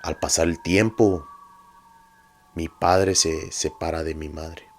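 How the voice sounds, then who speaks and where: Male narrator for a paranormal tale; low voice, unhurried, earnest. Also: steady tone, slight background noise. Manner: measured, earnest and confiding. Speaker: storyteller.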